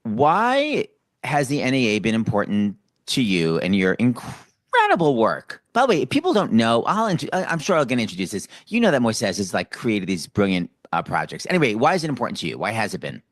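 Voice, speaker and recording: A man's voice: medium pitch, huge pitch swings, a little fast, dry recording, studio quality. A man interviewing a guest in a playful, joking way. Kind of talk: casual interview.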